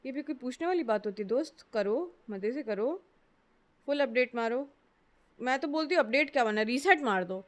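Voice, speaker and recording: Unhurried Indian woman streamer, clear voice. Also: fairly high pitch. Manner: chatty, mixes Hindi and English, greets and answers chat. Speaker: live streamer. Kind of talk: casual live-stream chat. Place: room at home with a ceiling fan running.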